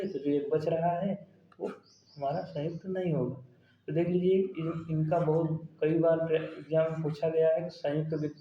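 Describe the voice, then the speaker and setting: A man, teaching grammar for an exam-prep lesson, asking questions and then answering them step by step. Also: fairly high pitch. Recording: dull, roomy sound.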